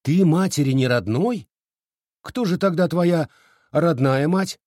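A man voicing a bold, quick-tempered village girl who talks in an excitable, high, sharp way. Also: dry recording, studio quality. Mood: teasing.

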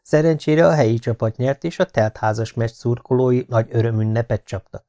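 A man reading an audiobook novel in a steady, measured narration. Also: medium pitch, muffled recording.

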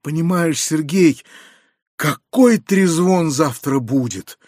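A man reading an audiobook, voicing an anxious, kindly middle-aged uncle who confides in hushed, lowered tones with hurried outbursts. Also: lively intonation, no room sound, studio quality. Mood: agitated.

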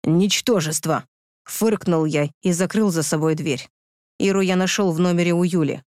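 A man narrating a dramatic audiobook with forceful, emotional delivery. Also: high-pitched, steady tone, normal speed, smooth, dry recording, studio quality.

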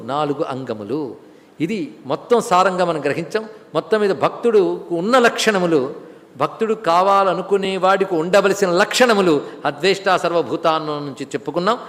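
A male spiritual lecturer giving a devotional scripture discourse, chanting verses in a sung cadence and then explaining them with lively storytelling. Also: sits high. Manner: storytelling with lively rises and drops. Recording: long hall reverb.

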